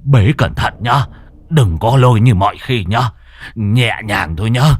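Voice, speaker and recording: Man as fussy old exorcist, stammering then bossy, lively pitch, lowish voice. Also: normal speed, husky, full character voice. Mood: fussing. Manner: stammering, fussing.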